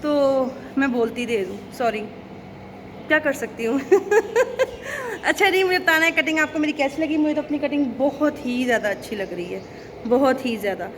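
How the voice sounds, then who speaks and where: Woman, 30s, Pakistani Urdu accent, fast chatty vlogger, laughs easily, light background noise. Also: high-pitched, expressive, a bit bright. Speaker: vlogger and schoolteacher. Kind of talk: casual vlog chat and cooking demo.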